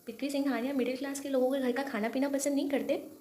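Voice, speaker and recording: A woman's voice: high voice, fairly even intonation, quick pace, mellow, slight background noise, pitched above the performer's own voice, close to an everyday voice. A woman doing a fussy old grandmother. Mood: hospitable. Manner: hospitable, fretting, teasing.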